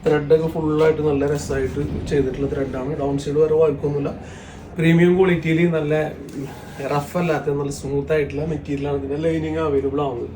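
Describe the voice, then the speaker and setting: Fast, level, and mellow, a Kerala-accented man presents women's outfits in a shop, blending many English terms into his Malayalam. The pitch is repetitive and salesy, dotted with tag words, and the audio is roomy and distant with a little background noise.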